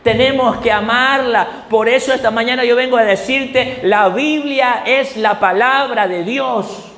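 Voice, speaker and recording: A male pastor with a Bolivian Spanish accent preaching a fervent sermon, firing rhetorical questions and rising to shouts. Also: very high-pitched, measured pace, reverberant.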